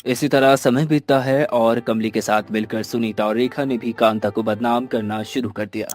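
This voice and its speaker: Male storyteller, steady, faint music behind. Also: medium pitch. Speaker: narrator. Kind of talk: scripted storytelling narration.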